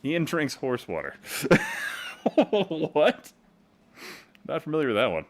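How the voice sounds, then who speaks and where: A man streaming a video game, chatting casually with viewers. He reacts excitably to each play and laughs often, his pitch swinging widely. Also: fast talker. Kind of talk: casual gaming live stream chat.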